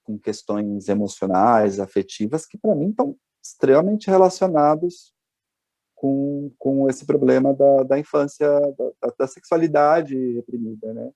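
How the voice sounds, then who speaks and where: Apresentador catarinense de voz suave. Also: male voice, mid-range voice, lively intonation, unhurried, vocal fry, warm tone, dry recording. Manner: chatty, hesitant restarts. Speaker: podcast host. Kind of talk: casual storytelling chat.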